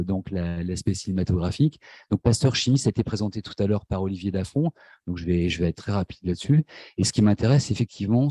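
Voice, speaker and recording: A man with a deep, warm voice and a French accent gives an academic conference talk in a university lecture hall. He's hesitant as a lecturer, with many fillers and restarts, and there's no echo on the recording.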